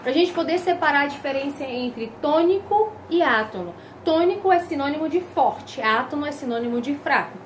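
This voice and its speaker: High-voiced, lively woman teacher. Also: moderate pace, hardly any pauses, slight background noise, rough recording. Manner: lively and emphatic, drawing out example words, asks the viewer questions. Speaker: Portuguese language teacher. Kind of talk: video grammar lesson.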